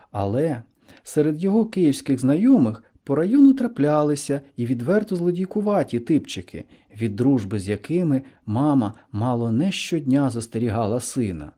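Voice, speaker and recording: A man narrates a story in an expressive audiobook style. His pitch moves freely. His voice is mellow and dark.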